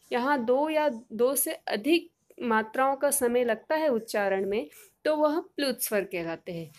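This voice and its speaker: A woman's voice: high-pitched, darkish tone. A middle-aged woman teacher giving a patient lesson, repeating key points and drawing out sounds as examples. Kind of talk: classroom lesson explanation.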